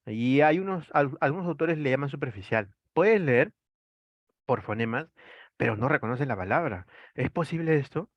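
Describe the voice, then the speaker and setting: A man's voice: mid-range voice, lively intonation, moderate pace, no room sound, dull audio. Peruvian man lecturing a class. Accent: Peruvian Spanish. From Peru. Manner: explanatory, asks rhetorical questions and answers them; frequent tag "¿no?".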